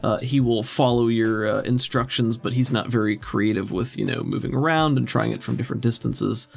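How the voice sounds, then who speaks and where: With background music under his voice, a game master narrates a tabletop role-playing game, improvising descriptions conversationally. His mid-range voice is brisk and creaky.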